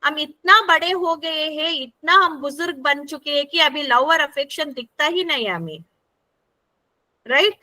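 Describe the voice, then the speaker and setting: Woman workshop facilitator, high and bright voice, chatty, keeps checking in with the room. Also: animated, a little slow. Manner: conversational, keeps checking in with the group. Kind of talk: interactive workshop teaching.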